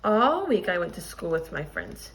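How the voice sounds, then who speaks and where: A woman with a fairly low voice reads a picture book to children in a teacherly style, with expression and deliberate pacing. She emphasizes key words and adds explanations, and a faint hiss or hum runs through the audio.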